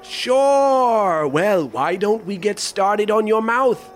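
A man's voice: high voice, lively intonation, slow pace, soft background music. An actor playing a self-important, courteous travelling dentist with a formal salesman's manner in a comic audio drama. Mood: smooth, courteous.

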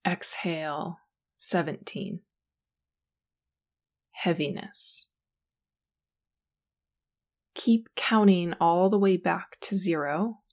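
Low-voiced woman leading a sleep meditation, super slow and soothing. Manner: slow, soothing and calm, with long pauses. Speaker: meditation guide.

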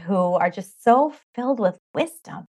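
A woman's voice: medium pitch, animated, a little slow, a little mellow. A middle-aged woman talking as a podcast guest in an enthusiastic, rambling way, full of "like" and "you know.". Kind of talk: casual interview chat.

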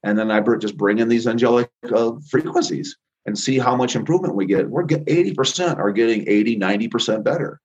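Over dull audio, this guest, an energy healer in his 50s, talks quickly in a medium-pitched, darkish voice. Chatting casually with the interviewer, he hammers his points home, repeats himself, and sounds thoroughly sure of himself.

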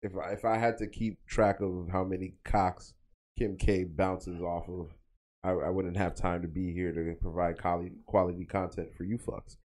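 A man's voice: low voice, level tone, moderate pace, darkish tone. A man co-hosting a comedy podcast, crude and mocking in casual chat. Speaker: podcast co-host.

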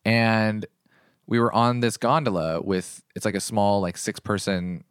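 A man's voice: lowish voice, unhurried, clean tone, no echo, clean studio sound. A young man co-hosting a casual chat, telling travel stories in a laid-back way and swearing casually. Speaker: podcast co-host.

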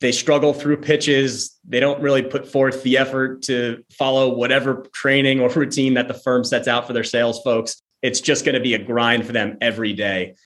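A man's voice: medium pitch, little pitch movement, moderate pace, few pauses, fairly bright tone. A man co-hosting a casual chat, reflective and given to long explanations.

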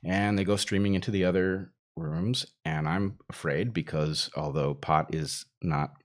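A man's voice: low-pitched, steady tone, measured pace. A man casually telling a long personal anecdote, rambling and circling back with fillers as he goes. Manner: rambling, self-interrupting with fillers. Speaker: storyteller guest.

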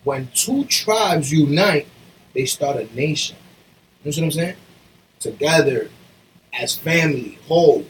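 A man talking in streetwise slang who rambles through his points in casual podcast banter. His voice sits slightly high and a bit away from the mic, with faint room noise under it. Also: expressive, measured pace, long pauses, distant mic, poor audio.

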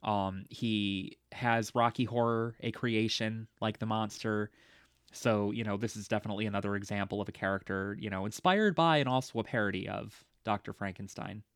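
A man's voice: fairly low pitch, moderate pace, a bit bright, clean tone, no echo, clean studio sound. A man co-hosting a podcast, chatting casually about a film, with lots of fillers and frequent laughter. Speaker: podcast co-host. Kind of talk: casual movie discussion.

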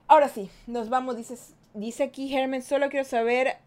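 A woman hosts a live-streamed podcast, talking straight to her viewers in a chatty, playful way and reading their comments aloud. Her voice sits high, with a steady tone, normal speed, and a somewhat dark timbre.

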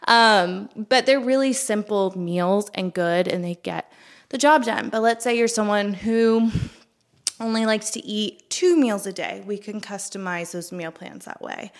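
A woman's voice: medium pitch, unhurried. A young woman fitness coach talking casually and chattily to her viewers, a little out of breath, with lots of fillers. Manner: chatty, upbeat, filler-heavy. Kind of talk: casual talk to camera.

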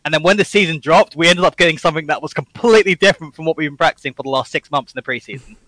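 Fast bright man with quick remarks. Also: a little high, poor audio. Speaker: podcast guest. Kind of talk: casual gaming discussion.

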